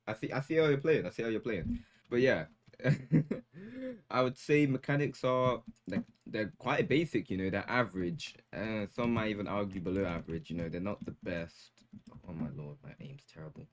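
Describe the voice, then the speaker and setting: Hyped young male gaming commentator. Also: on the low side. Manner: hyped, joking, slangy. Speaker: gaming YouTuber. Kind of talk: casual gameplay commentary.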